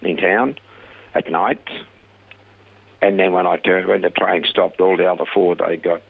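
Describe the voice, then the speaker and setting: An older man from Switzerland telling his life story in an interview, halting and restarting sentences. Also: sits low, level tone, creaky, slightly rough, narrow, tinny audio. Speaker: interview guest.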